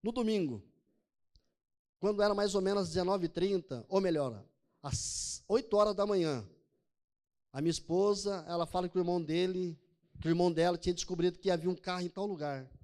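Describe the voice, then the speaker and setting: Pastor, male, high tenor, slow emphatic sermon delivery that drops soft for storytelling. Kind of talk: sermon with personal testimony.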